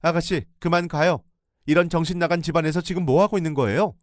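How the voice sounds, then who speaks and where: A man voicing an indignant young wife who shouts shrilly in defense of her sister-in-law. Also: on the high side, quick pace, no echo, studio quality, voice pushed up, natural voice. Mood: furious.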